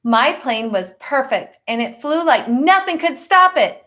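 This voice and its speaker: A woman reads a picture book aloud to children with lots of expression and dramatic pauses, slipping in explanatory asides the way a teacher would. Her voice sits high, expressive and sharp in tone.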